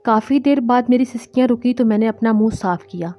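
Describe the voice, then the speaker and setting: A woman reading a first-person story at a steady, even pace. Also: a little high.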